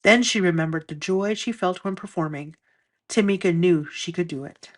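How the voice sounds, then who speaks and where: Low-pitched woman reading a children's story. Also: normal speed. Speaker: storyteller reading a children's picture book aloud. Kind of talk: expressive read-aloud narration for children.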